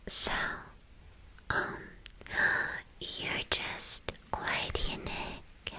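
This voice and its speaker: In an ASMR roleplay, a woman voices a playful, boastful young villainess, whispering breathily and teasingly in halting, repeated phrases. Her tone is bright and forceful, and the delivery is heavily acted.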